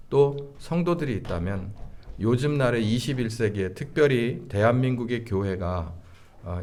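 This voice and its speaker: Lower-voiced male pastor preaching slowly. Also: darkish tone. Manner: slow deliberate preaching with frequent fillers. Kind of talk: sermon.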